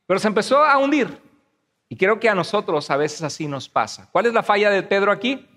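A man's voice: sits high, expressive, fairly quick, sharp tone. A man preaching a sermon as pastor, telling the story with animation and acting out voices. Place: church hall. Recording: long hall reverb.

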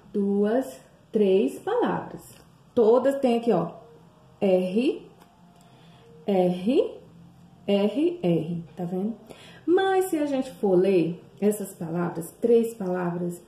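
Brazilian lady teacher talking to little kids, slow sing-song, mellow voice, echoey room. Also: mid-range voice. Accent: Brazilian Portuguese. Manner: slow, sing-song teacher talk with many tag questions. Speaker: primary school teacher. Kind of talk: remote lesson for young children.

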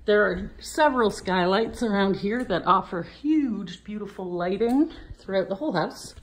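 A real estate agent chats while walking through a large house, pointing out rooms and getting slightly out of breath as she narrates the tour. Her voice is mid-range and expressive, at a normal speed.

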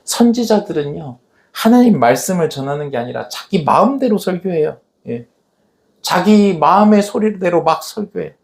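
A male pastor delivers a church sermon with a voice that swings high and low. He acts out the scripture scenes dramatically, shouting some lines and dropping to a hush on others. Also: moderate pace. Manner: animated preaching, dramatically acting out scripture quotes.

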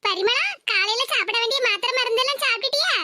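A curious cartoon neighbour woman who keeps prying and gossiping in a Tirunelveli Tamil lilt, as a voice actor plays her. The voice is pitched very high, with steady background noise. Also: fast. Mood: gossipy. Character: nosy, caring neighbour woman. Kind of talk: cartoon voice acting.

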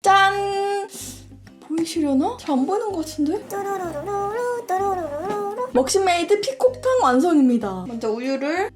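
Woman mukbang host, very high voice, animated swings, playful exclamations, casual snack reviews. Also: over music. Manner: exclamatory, with playful sound words and drawn-out reactions. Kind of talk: casual snack-tasting chat to viewers.

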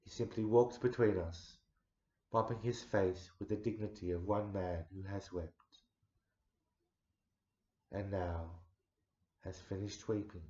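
A man in his forties recites a poem with slow, deliberate care. His fairly low voice swells to loud and then sinks to a near hush. The recording is roomy and echoey, with a dull, lo-fi sound. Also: fairly even intonation. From Australia. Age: 40s. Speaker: poetry reciter. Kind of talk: dramatic poetry recital.

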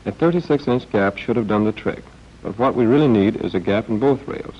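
On the dull, band-limited soundtrack of an old film, a brisk, husky American man with a lowish voice delivers the voice-over for a scripted 1940s training film. His narration is dry and understated.

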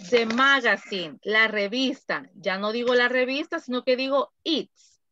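Slow, bright-voiced woman teaching. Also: a little high, animated, no echo, dull audio. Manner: slow, careful, repeats phrases for students. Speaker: English teacher. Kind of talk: online class explaining grammar.

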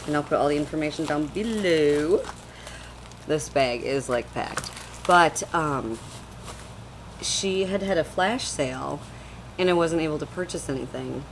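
Young woman vlogger, low voice, chatty and rambling, noisy webcam audio at home. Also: measured pace, long pauses. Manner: chatty, rambling, many fillers. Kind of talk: casual product haul chat. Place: small room at home, indoors. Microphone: webcam at desk.

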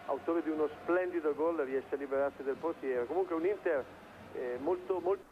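A male co-commentator with a slightly high voice breaks down the play, often hesitating and repeating himself. The broadcast is dull, with faint stadium noise underneath. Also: a little fast. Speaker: football co-commentator, analyst. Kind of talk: live analytical football commentary. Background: stadium crowd noise.

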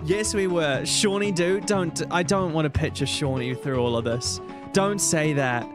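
Higher-voiced male streamer over music. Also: a little slow. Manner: sweary, exclamatory asides. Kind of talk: livestream reading of fan fiction with asides.

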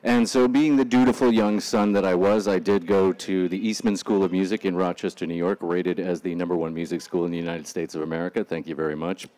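Brief: man in his forties, casual and profane stage speaker, very low voice. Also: steady tone, brisk, few pauses, a little mellow. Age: 40s. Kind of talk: casual motivational talk. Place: stage before a live audience.

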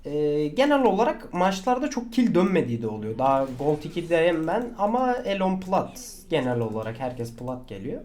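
A man giving live gameplay commentary, excitable, swearing and shouting at teammates. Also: a little high, moderate pace, hardly any pauses. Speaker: gaming channel host.

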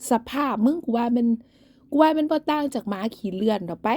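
A woman's voice: fairly high pitch, animated, fairly quick, a little mellow, no echo. A woman with an Isan accent ranting in a livestream, mocking and cursing heavily. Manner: breaks into cackling laughs. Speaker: online commentator.

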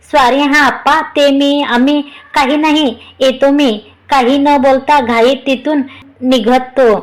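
A woman storyteller reading a romance tale aloud in a steady, expressive way. Her voice sits notably high. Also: low-quality recording. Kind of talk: scripted narration of a romance story.

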